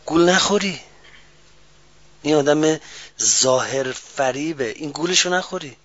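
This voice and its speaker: Fiery high-voiced male preacher. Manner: swings from low and slow to loud, high and shouting. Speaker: cleric preacher. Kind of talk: sermon. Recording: dull, muffled recording.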